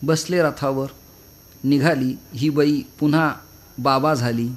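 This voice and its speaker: A man's voice: mid-range voice, slow, a little hiss or hum. A male kirtan preacher telling a devotional story with humor, sometimes half-singing. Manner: humorous, lively, half-sung.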